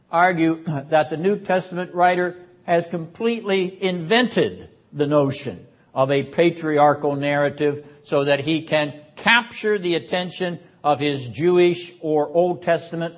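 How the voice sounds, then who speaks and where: Slow, emphatic male preacher, lo-fi. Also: on the high side. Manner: emphatic, slow and deliberate, sarcastic asides. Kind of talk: sermon-style Bible lecture. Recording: dull lo-fi recording.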